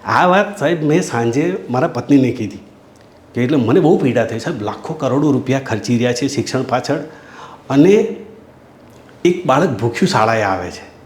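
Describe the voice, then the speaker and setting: A man's voice: medium pitch, animated, moderate pace, darkish tone. A middle-aged man with a Gujarati accent, a school principal telling a heartfelt story from his school and addressing his listeners as sir. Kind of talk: storytelling talk. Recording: echoey room.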